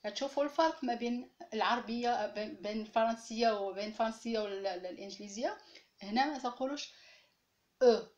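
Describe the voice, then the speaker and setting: A woman's voice: fairly high pitch, rapid-fire, highs cut off. A woman teacher giving a lesson, patiently repeating each letter and point many times. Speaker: language teacher. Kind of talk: classroom-style lesson.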